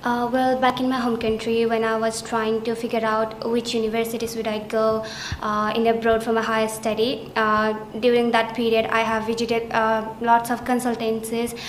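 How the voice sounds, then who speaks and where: A young Nepali woman studying abroad answers interview questions in a slightly high voice at normal speed, hesitating often and using many fillers in a flat, steady delivery. She's recorded in a small indoor study room by a camera framing her at chest height. The sound has roomy echo, faint ambience and slight background noise.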